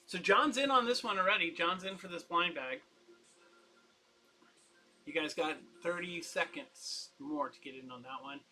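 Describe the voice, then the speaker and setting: A man's voice: a little high, unhurried, pauses often, bright, forceful tone, slight background noise, poor audio. A man running a casual live-stream comic auction, chatty and upbeat, rambling and laughing as he talks.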